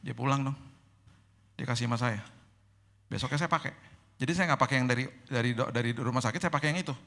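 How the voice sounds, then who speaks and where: A male pastor telling a personal story in a lively, conversational sermon, slipping in English phrases. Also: medium pitch, fast talker.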